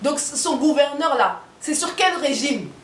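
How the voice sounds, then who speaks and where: High-pitched woman ranting hard, lots of rhetorical questions, sounds far off the mic with a faint hum. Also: animated, measured pace, fairly bright tone, reverberant. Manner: fiery, rhetorical questions, emphatic repetition. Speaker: activist speaker. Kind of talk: impassioned political and spiritual monologue.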